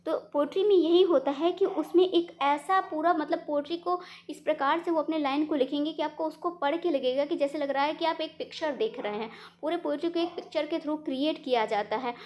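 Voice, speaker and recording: A young woman with an Indian accent gives an exam-prep lesson in a high, light voice. She explains patiently, often pausing to ask her listeners a rhetorical question. She reads the English definitions slowly and deliberately. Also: darkish tone. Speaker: teacher.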